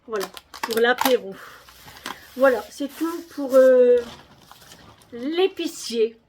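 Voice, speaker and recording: A woman's voice: high-pitched, expressive, takes it slowly, a little mellow, a little hiss or hum. A woman vlogger chatting casually about her shopping haul, with many hesitations and repeated words.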